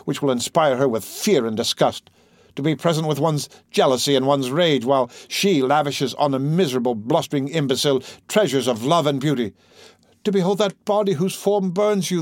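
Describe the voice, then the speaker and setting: For an audiobook, a man reads the part of an anguished priest desperately pleading his obsessive love, in impassioned, theatrical declamation. His voice is a little high, pitched above his own yet close to everyday speech, in clean studio sound with no room sound.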